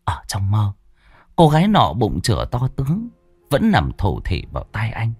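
A man narrating a horror story in a slow, dramatic, hushed manner. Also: lowish voice, wildly swooping pitch, slightly rough, no room sound. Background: faint music.

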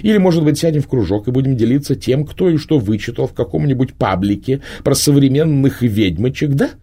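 A man's voice: medium pitch, animated, fairly quick, mellow, breathy edge, pitched above the performer's own voice. A man voicing a cold, commanding woman who leads a witch coven, speaking sharply and sarcastically. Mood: scornful.

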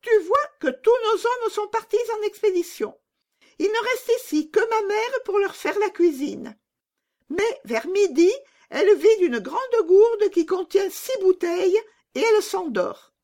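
A woman voicing a fierce, wild little robber girl in a children's storybook reading, with a shrill, bossy, menacing manner. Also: lively intonation, unhurried, darkish tone. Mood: scheming.

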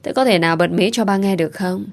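A woman voicing a caring young father who speaks softly and slowly. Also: mid-range voice, lightly acted. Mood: tender. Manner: soft, slow, tender.

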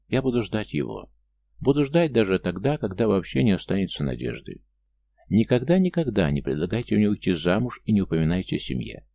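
Audiobook: defiant young woman, read by a man with a low rough voice. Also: warm tone, full character voice. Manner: insistent, defiant. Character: stubborn young woman, waiting for her lost fiancé. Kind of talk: audiobook character reading.

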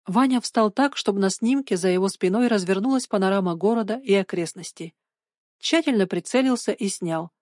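A woman narrating an audiobook of a spooky children's story in a measured, suspenseful way. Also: medium pitch, darkish tone, no room sound, studio quality.

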